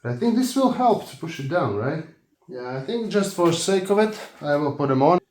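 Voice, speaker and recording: A man talking casually through a do-it-yourself car job. He is hesitant and self-deprecating and thinks aloud as he goes. The audio is a low-quality phone recording made without a microphone. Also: big pitch swings, moderate pace, darkish tone. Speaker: car vlogger. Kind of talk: casual DIY walkthrough. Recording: echoey, noisy phone recording.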